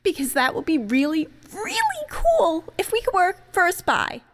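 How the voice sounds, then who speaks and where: A woman plays a bubbly, teasing young woman with a high, lively voice. Her voice bounces up and down as she gets easily thrilled in an audio drama. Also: moderate pace, heavy background noise, full character voice. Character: excitable, playful young woman.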